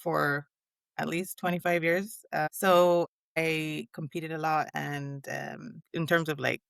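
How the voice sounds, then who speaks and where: A woman's voice: deep voice, slow, creaky, clean tone, no echo, clean studio sound. A woman from Barbados, a podcast guest, chatting casually and laughing as she tells her story. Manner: lively, laughing, animated storytelling. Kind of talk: casual interview chat.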